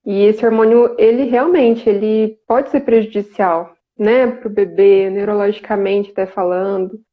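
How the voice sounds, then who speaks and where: A woman's voice: mid-range voice, fairly even intonation, a little slow. A Brazilian woman hosting a live video chat, talking in a casual, conversational way with frequent tag questions. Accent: Brazilian Portuguese. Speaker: host. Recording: tinny phone-like call audio.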